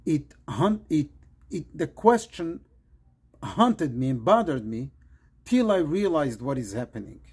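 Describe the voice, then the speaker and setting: A man from Morocco, a rabbi, giving an earnest pre-Shabbat sermon in short, measured phrases. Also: high voice, a little mellow, husky.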